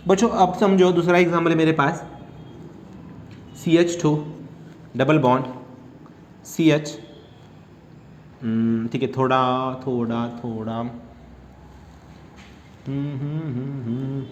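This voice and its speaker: A man's voice: on the high side, steady tone, reverberant, a little hiss or hum. A young male chemistry teacher lecturing online, drilling and playfully scolding his students as he talks them through each step. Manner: teasing, scolding, quick drills.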